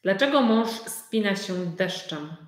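Woman running a conversation class, talks super slow, asks the same thing twice, mid pitch, roomy echo. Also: animated. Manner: very slow, simple questions repeated for learners. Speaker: Polish conversation teacher. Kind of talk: live online conversation class.

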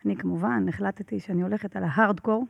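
A woman, a podcast guest, telling a story in a casual interview, animated and laughing often, with lots of fillers. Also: medium pitch, creaky, breathy edge, no room sound, muffled recording.

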